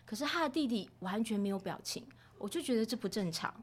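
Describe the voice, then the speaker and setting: A middle-aged woman, telling stories as a podcast guest in an expressive way, acting out what people said. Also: quick pace, slightly rough. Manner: expressive, acts out quoted speech with rising pitch. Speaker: podcast guest, mother of two sons. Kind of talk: casual storytelling chat.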